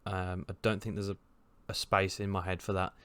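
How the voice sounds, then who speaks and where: Brummie male streamer for off-the-cuff reactions; cheeky, sweary, punchy bright tone, very dry close sound. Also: deep voice, level tone, normal speed, smooth, dry recording. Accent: Birmingham (Brummie). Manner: crude, jokey, sweary. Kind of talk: casual live reaction commentary.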